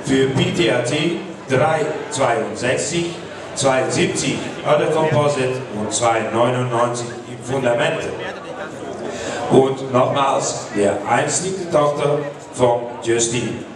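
A man presenting animals at a live sale in halting phrases, heard from out in the audience. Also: medium pitch. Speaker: sale announcer presenting cattle. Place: large indoor auction hall, recorded from audience. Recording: very echoey hall, far off, crowd.

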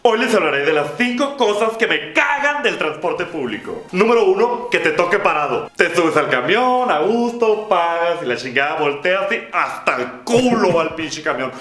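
A man's voice: high voice, sing-song, moderate pace, few pauses, fairly bright tone, soft background music. A man with a Mexican accent delivering a comedic rant full of crude, profane, exaggerated storytelling. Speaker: comedy YouTuber. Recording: roomy echo.

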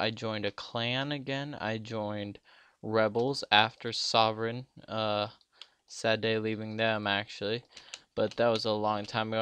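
A man's voice: fairly low pitch, fairly bright tone, clear, resonant tone, dry recording. A young man casually commenting on a game he is playing, rambling and joking with lots of fillers. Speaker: gaming YouTuber.

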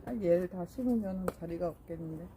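Speaking a little fast in a lowish voice, a middle-aged woman vlogs casually about her succulents over a noisy background. She chats to her viewers while planting in a greenhouse.

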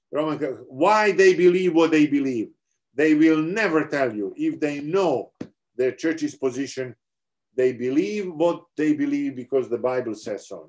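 A middle-aged Serbian-accented man with a fairly high, slightly mellow voice gives an online seminar lecture on theology over a video call. He explains things earnestly and restarts frequently.

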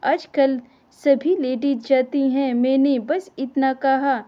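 A woman's voice: sits high, fairly even intonation, takes it slowly, mellow, muffled recording. A woman voicing a spoilt young married woman who complains with self-pity. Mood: aggrieved.

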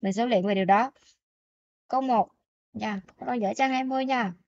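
A woman teacher explaining pronunciation rules in a language lesson, often checking in with her students with quick questions. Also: a little high, a little mellow, no room sound, muffled recording.

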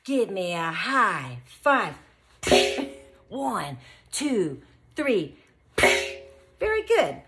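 Lively, encouraging woman teaching kids. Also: mid-range voice, drawn-out words, long pauses, music in the background. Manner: animated, encouraging, lots of praise. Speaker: beatbox teacher. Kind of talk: children's tutorial.

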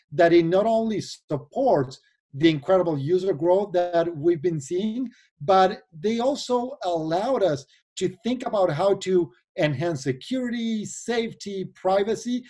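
This Argentine investor in his forties has a high voice with a darkish tone. Appearing as a venture capital guest over a video call, he explains earnestly in his Argentine Spanish accent.

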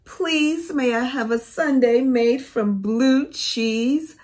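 A woman's voice: high-pitched, slow pace, darkish tone, voice pushed up. Woman reading as a polite little storybook mouse. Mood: polite, eager. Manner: storybook character voice, polite, pleading.

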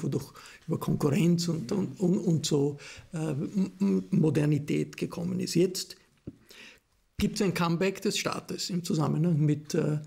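A man with an Austrian accent interviewing a politician, halting and searching for his words. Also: a little high, creaky, warm tone, husky. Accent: Austrian German. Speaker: interviewer, journalist.

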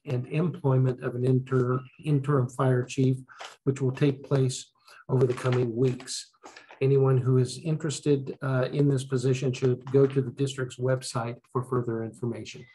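A man serving as board counsel, reporting closed-session actions at a meeting in measured, formal legal phrasing. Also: medium pitch, little pitch movement, a little mellow, slight background noise, low-quality recording.

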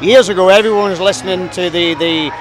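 Male, fifties, broad Glaswegian Scottish, high pitch, casual interviewee in a crowded bar. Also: a little fast, over music. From Scotland, brought up in England. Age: 50s. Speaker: interviewee, Northern Soul dancer. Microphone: handheld shotgun microphone between speakers. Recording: busy bar crowd noise behind.

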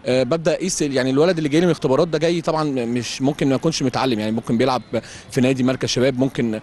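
A middle-aged man with an Egyptian accent, a youth football coach answering interview questions on a handheld mic at an outdoor pitch at night. He speaks plainly, with many hesitant fillers. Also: fairly even intonation, very fast, a little mellow.

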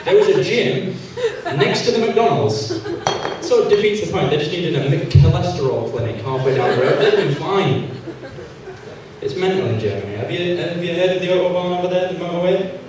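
A young man doing an animated stand-up routine on a small theatre stage, acting out the people he quotes. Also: sits high, normal speed, crowd noise. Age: young adult. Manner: animated, acts out quoted characters. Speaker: stand-up comedian. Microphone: handheld mic, far camera. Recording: echoey hall, from far off.

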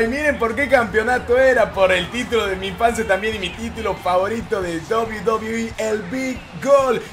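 A young man giving excitable let's-play commentary, shouting play-by-play calls. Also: high-pitched, slight background noise. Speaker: gaming YouTuber.

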